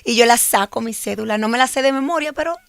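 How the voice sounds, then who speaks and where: A woman's voice: on the high side, racing, creaky, no room sound. A Dominican-born woman who grew up in Brooklyn, chatting casually as an interview guest and switching between English and Spanish. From Dominican Republic. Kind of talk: casual bilingual interview chat.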